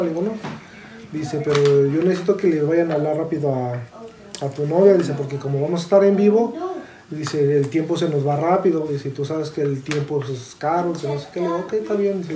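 A woman recounting events in relaxed casual chat, going through each conversation step by step. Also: deep voice, reverberant. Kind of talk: casual storytelling.

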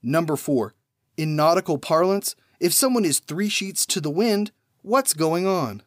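A man hosts a trivia podcast, reading numbered questions in a measured way and pausing before revealing each answer. His voice is a little high, with lively intonation.

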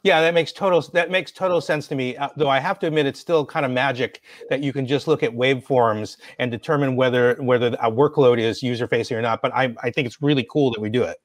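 A man's voice: medium pitch, fairly even intonation, fast, hardly any pauses, dry recording, studio quality. A man hosting a video-call interview, asking curious, informal questions with "um" and "like" fillers. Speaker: host.

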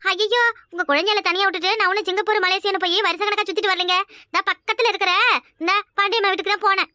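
A woman's voice: extremely high pitch, fairly even intonation, rapid-fire, bright, forceful tone, no room sound. A woman voicing a scolding, complaining older sister and housewife in a cartoon, with a Kanyakumari Tamil accent.

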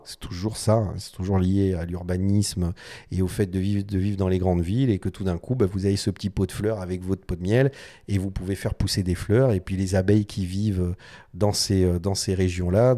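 A man's voice: deep voice, mellow. A man hosting a design video, explaining casually to the camera with many fillers and restarts.

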